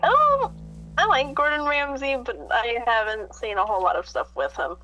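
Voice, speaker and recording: A woman's voice: fairly high pitch, sing-song, moderate pace, bright, forceful tone, dull audio. A woman chatting easily as a guest on a casual podcast. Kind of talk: casual chat.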